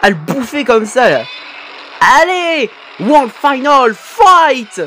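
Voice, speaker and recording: A woman hosting a reaction video, excitedly cheering, swearing at the screen and turning hushed when moved. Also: high voice, takes it slowly, slight background noise. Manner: turns hushed and emotional at sad moments. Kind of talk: live reaction commentary.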